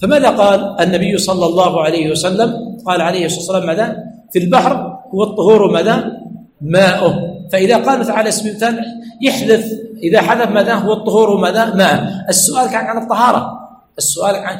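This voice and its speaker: A male religious teacher with a high voice and rapid delivery, forever asking his class "what?" and then supplying the answer himself. He repeats key words for emphasis. The room is echoey with a faint hum behind him. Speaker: sheikh teaching hadith studies. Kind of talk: classroom lesson. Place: religious study center classroom.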